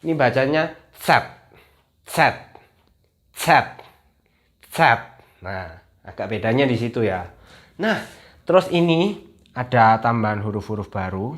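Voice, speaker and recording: A man's voice: mid-range voice, expressive. Chatty young man teaching letters. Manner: chatty, repeats letters slowly to drill them. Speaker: language teacher. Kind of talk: casual video lesson.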